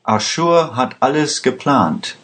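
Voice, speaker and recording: A man voicing an armed, vengeful woman in a slowly read German storybook, lifting his pitch and speaking firmly and clipped. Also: expressive, a bit bright. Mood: commanding.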